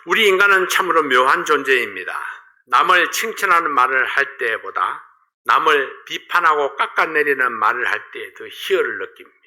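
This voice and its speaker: A male pastor preaching a sermon, asking the congregation rhetorical questions and swinging between loud emphasis and quiet asides. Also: mid-range voice, sing-song, moderate pace.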